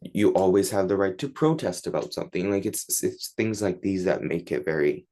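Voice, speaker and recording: A teenage guest from Turkey, whose first language is Turkish, answers interview questions in casual, chatty English full of "like" and "you know." He has a deep, mellow voice and speaks at normal speed.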